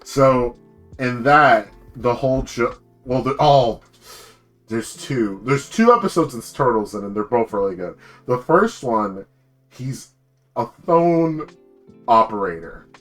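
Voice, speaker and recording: A young male streamer in loose, excitable conversation, his stories tumbling out with restarts and laughter. He swears casually as he goes. Quiet music runs in the background. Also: medium pitch, takes it slowly. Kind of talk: casual chat on a livestream.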